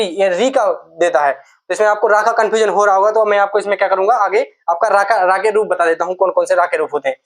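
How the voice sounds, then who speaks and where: A woman with a medium-pitched voice teaches a Hindi grammar lesson aimed at exam preparation. She explains things step by step, poses questions and answers them herself, and keeps repeating the key terms.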